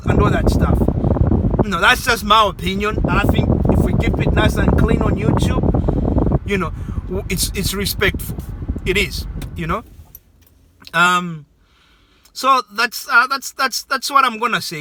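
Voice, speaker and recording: High-voiced man, windy mic. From Zambia. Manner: rambling, repeats words for emphasis. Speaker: YouTuber giving advice. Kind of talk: casual advice monologue.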